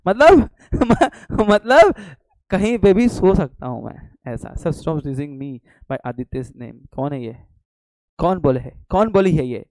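Young male tutor, high voice, dry close sound, jokey, quizzes his live class. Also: darkish tone, no room sound. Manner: playful, teasing, quizzes students and answers himself; mixes English phrases into his talk. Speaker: online commerce tutor. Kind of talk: live online lecture with jokes.

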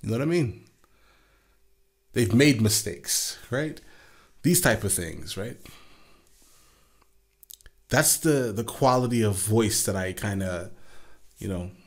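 A man's voice: on the low side, animated, slow pace, long pauses. A man hosting a music reaction video, chatting casually and enthusiastically and checking in with "right?" and "okay?" as he talks. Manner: enthusiastic, easily amazed. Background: song playing faintly under his talk.

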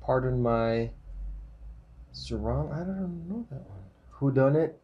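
A man in his thirties hosting a casual unboxing vlog, reading titles off with small relaxed asides. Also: mid-range voice, slow pace, dull audio, slight background noise. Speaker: channel host unboxing a disc set.

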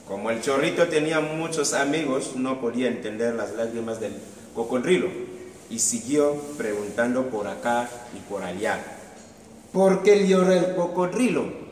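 A man telling a children's story aloud in a library hall, slow and expressive, acting out the animals as he goes. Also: medium pitch, slight background noise. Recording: echoey hall, mic far off.

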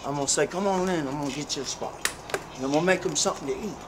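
Traffic and street noise run clearly beneath this apparent outdoor street interview. A man with a slightly high voice rattles off his story rapid-fire, earnest and somewhat preachy, leaning heavily on "you know."

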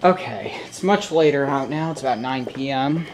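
A young man vlogs about his car, rambling casually with lots of ums while filming on a handheld camera in and around where it's parked. His voice sits in the mid range at a moderate pace, recorded through the camera's own mic with background noise.

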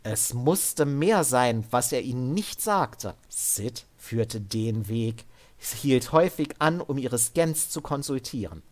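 A man's voice: medium pitch, animated, slow, a little mellow. A man narrating a translated adventure story, stopping now and then to add loose comments of his own. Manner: breaks off to add casual comments. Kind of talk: reading a translated story aloud.

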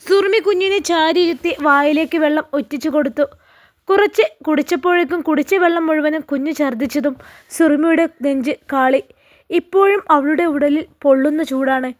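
Woman storyteller, high voice, scripted dramatic narration. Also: no room sound, clean studio sound.

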